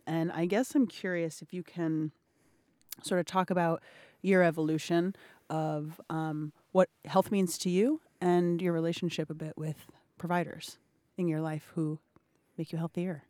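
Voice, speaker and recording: A woman's voice: on the low side, fairly even intonation, a little slow, a little mellow, no echo. Woman in her thirties, interviewer; friendly, searching questions, dry close sound. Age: 30s. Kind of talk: recorded interview. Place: indoors, cultural center.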